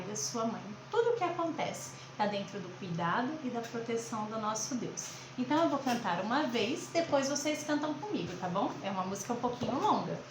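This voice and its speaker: A high-pitched woman with a Brazilian accent addresses young children as a teacher and host. She keeps her explanations simple and direct. The recording has a clearly echoing room and a little background noise. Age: late 30s to 40s. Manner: simple explanations with frequent check-in questions. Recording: roomy echo, faint background noise.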